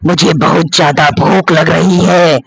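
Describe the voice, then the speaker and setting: A man voicing a ghostly witch girl in a cartoon horror story, talking slowly and with menace. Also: a little high, fairly even intonation, gravelly, a bit bright, breathy edge, no room sound, full character voice, poor audio. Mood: menacing. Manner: slow, menacing, mournful.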